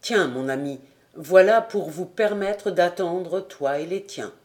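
A woman reading the part of a kindly older male factory director in an audiobook, speaking in a calm, paternal and reassuring way. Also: fairly low pitch, takes it slowly. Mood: fatherly. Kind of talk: audiobook character voice.

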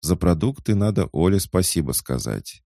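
A man voicing a gentle, caring young woman who speaks in a soothing, reassuring way. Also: deep voice, sing-song, moderate pace, vocal fry, dry recording, clean studio sound, pitched above the performer's own voice, exaggerated voice.

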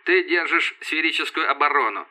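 A male narrator voicing a calm, teasing male fleet commander who speaks evenly. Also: a little high, exaggerated voice. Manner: calm, unhurried.

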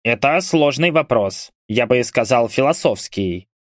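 A man voicing a smug male ghoul, a dark mage who drawls and sneers. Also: medium pitch, lively intonation, normal speed, no room sound, studio quality, lightly acted. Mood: smug, mocking.

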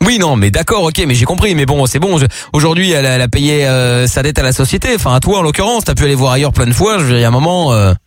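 A man's voice: on the high side, animated, rapid-fire, few pauses, faint music behind. A man hosting a live call-in radio show in informal, slangy, teasing chat, close on a studio mic. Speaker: radio host.

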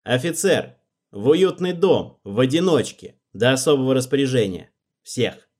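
A man's voice: mid-range voice, animated, normal speed, a little mellow, lightly acted. A man reading the part of a cold, ruthless young schemer who speaks in icy, mocking commands. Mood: cold, commanding.

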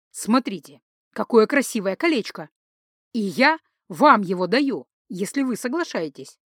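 A woman gives voice to an earnest man from a magical world who politely makes his offer. He explains things calmly and patiently, and the recording is close and dry. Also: mid-range voice, no echo.

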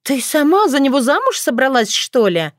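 Young witch girl played by a woman, high-pitched, earnest, exclaiming, very expressive. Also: a little slow, dry recording, studio quality. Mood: shocked.

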